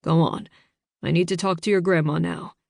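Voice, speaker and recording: A woman voicing a weary father speaking gently from jail in an audiobook. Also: fairly low pitch, fairly even intonation, moderate pace, creaky, no echo, studio quality. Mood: gentle, resigned. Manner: gentle, turns stern.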